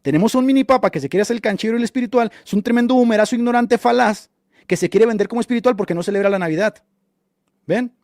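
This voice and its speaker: Fast, high-voiced scornful male radio host. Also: a little mellow, dry recording, studio quality. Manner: mocking and scornful, insults opponents; argumentative, lecturing with rhetorical questions. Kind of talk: combative live commentary answering a chat.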